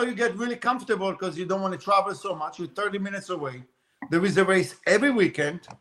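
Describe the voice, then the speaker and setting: Bright, high-voiced man chatting casually. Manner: rambling, animated storytelling with frequent fillers. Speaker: guest, RC car racer. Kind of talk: casual podcast chat.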